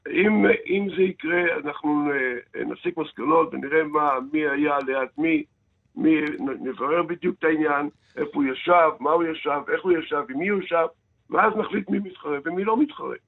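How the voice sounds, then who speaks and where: Man, Israeli accent, narrow phone sound, fairly high pitch, insistent, repetitive, radio interview guest. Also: creaky. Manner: insistent, repeats words and phrases. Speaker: sports official, interview guest. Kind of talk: live radio interview, arguing his case. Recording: tinny narrow phone-like line.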